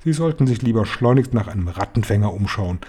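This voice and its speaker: A man's voice: fairly low pitch, expressive, fast, dark tone, breathy edge. A man voicing a feisty old grandmother who scolds a hotel manager relentlessly, in a raised, indignant voice. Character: stern, feisty old grandmother, sharp-tongued.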